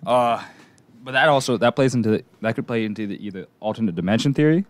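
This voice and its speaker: A man's voice: mid-range voice, fast, dry recording. A young man hosting a casual podcast chat, rambling and unsure, with lots of fillers. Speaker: podcast host.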